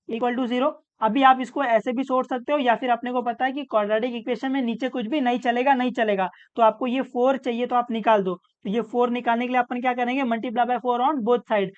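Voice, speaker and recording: Step by step and with the relevant terms, a woman tutoring maths works through a problem, patiently answering questions she raises herself. Her voice sits slightly high, and the audio is dull and lo-fi.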